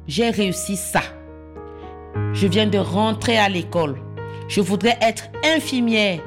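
A woman, calmly telling her life story in short, plain sentences. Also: fairly high pitch. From Cameroon. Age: 40s. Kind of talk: personal testimony. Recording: soft guitar music underneath. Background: plucked guitar music.

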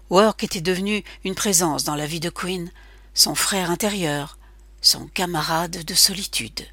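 A woman narrates a literary audiobook with a measured, even delivery. Her voice is low-pitched and breathy-husky, recorded close and completely dry. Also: no echo.

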